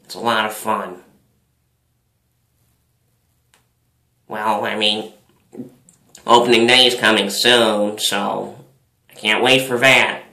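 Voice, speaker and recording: A man voicing a loud older baseball fan who sounds drunk, rambling slowly and repeating himself. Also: lowish voice, fairly even intonation, vocal fry, roomy sound, exaggerated voice, low-quality recording. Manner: rambling, repetitive, drawn-out talk.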